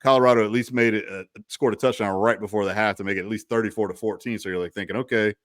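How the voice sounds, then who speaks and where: A man with a lowish voice chatting about college football in a loose, rambling way, circling back and restarting his sentences. The sound is dry and close, with no room around it. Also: steady tone, quick pace, a bit bright, dry recording. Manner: rambling, restarts, lots of "you know". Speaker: co-host. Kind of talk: casual sports talk.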